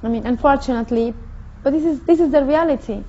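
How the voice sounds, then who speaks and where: Woman, Mexican Spanish accent, earnest personal testimony, high soft-toned voice. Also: muffled recording, a little hiss or hum. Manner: earnest, halting, with frequent restarts. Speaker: convert sharing her testimony.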